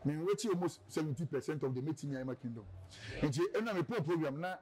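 A man with a Ghanaian accent talks through his story in a relaxed interview. His voice is mellow and a little high. He rambles and slips between a local language and English. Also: fast talker, poor audio. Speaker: radio presenter, guest.

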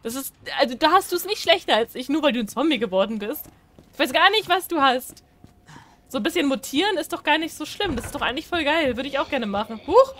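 A woman casually commenting on a horror video game as she plays, chatting to the game's characters and swinging between shrieks and low mumbling. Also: sing-song, fast talker, a bit bright. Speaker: gaming streamer. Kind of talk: casual Let's Play commentary.

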